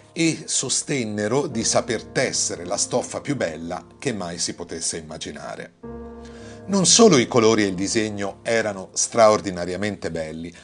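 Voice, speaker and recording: A man tells a classic fairy tale in a lowish voice, reading expressively and lifting his tone when characters speak. Quiet music plays underneath the narration. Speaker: storyteller. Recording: faint music behind the voice.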